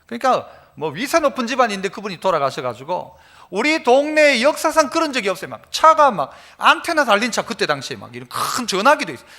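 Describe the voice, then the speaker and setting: A middle-aged man, preaching a sermon as pastor, telling stories and swinging from soft to loud. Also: very high voice. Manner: storytelling, acts out voices, swings from soft to loud.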